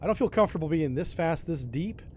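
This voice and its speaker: A man's voice: on the high side, lively intonation, quick pace, mellow, a little hiss or hum. A man doing casual commentary on a submarine game, thinking aloud with mild exclamations. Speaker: gamer, host.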